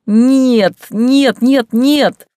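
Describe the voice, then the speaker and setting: Woman voicing young frightened heroine, high tearful pleading voice, audiobook, dry close sound. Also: very slow, warm tone, clear, resonant tone, no room sound. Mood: screaming.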